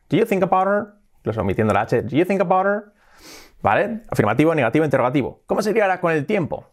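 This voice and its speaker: A man teaching an English lesson, asking questions to his learners and answering them himself, with short laughs between examples. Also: a little high. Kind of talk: language lesson.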